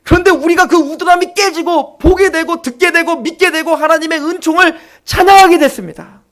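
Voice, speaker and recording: A male pastor preaching an impassioned sermon, firing rhetorical questions at the congregation and dropping to quiet asides. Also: very high-pitched, brisk.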